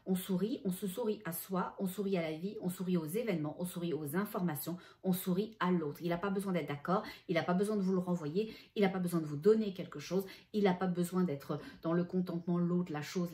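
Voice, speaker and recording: Female medium, middle-aged, relaxed warm tone, conversational channeling monologue. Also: fairly low pitch. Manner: chatty, self-correcting, relays spirit messages in gentle tones. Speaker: spiritual medium.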